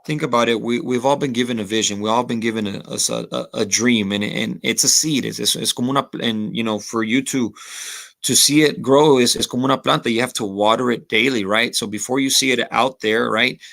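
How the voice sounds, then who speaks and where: This thirtysomething man talks with a Texas Rio Grande Valley accent, guesting on a casual podcast as a former college football kicker. He speaks briskly at medium pitch with fairly even intonation, some vocal fry and a fairly bright tone. His reflective chat is full of "you know" and occasional Spanish phrases.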